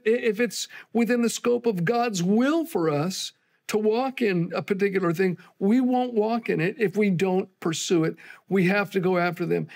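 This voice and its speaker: An older man with a high, gravelly voice teaches from the Bible in an earnest, conversational way. He talks to the listener like a pastor telling a story and drops to a soft, low voice on key words.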